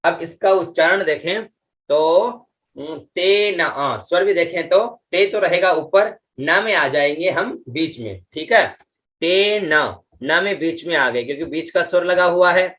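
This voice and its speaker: In an online class, a man with a bright-toned voice slowly chants Vedic verses, drawing out the mantra syllables and explaining their pitch accents. He's patient and often repeats "ठीक है" and "है ना."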